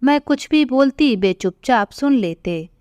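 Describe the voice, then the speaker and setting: A woman voicing a frail elderly widowed mother who speaks softly and tearfully in an audio story. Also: high-pitched, lively intonation, measured pace, clear, resonant tone, no echo. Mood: sorrowful.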